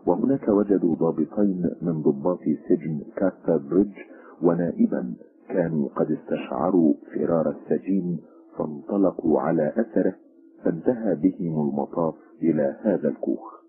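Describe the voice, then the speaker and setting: A man reading a literary story aloud as an expressive audiobook narrator, with a tinny phone-like sound. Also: very deep voice, brisk, husky.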